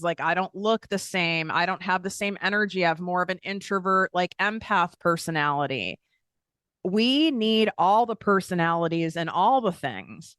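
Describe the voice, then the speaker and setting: On her motivational business podcast, this woman coach talks with candor and energy, voicing skeptical inner thoughts and poking fun at herself. She has a clear, resonant voice on the low side, a bit bright. The studio-quality recording is dry.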